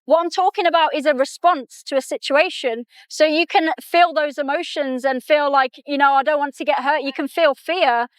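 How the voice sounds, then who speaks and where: A woman's voice: high voice, moderate pace, few pauses, no room sound. A woman explaining her position in a casual back-and-forth debate as an interviewer. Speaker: interviewer, vegan advocate.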